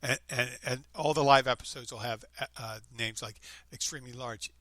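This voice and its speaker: A man's voice: medium pitch, steady tone, fairly quick, bright, forceful tone, no echo. A man in his fifties hosting a podcast, chatting casually and rambling with frequent restarts. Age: 50s. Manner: rambling, upbeat, self-interrupting. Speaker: podcast host. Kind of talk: casual chat.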